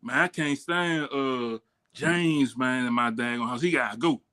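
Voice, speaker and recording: A man's voice: mid-range voice, unhurried, pushed and bright. A man co-hosting a podcast in slangy casual chat, often tagging "you know what I'm saying.".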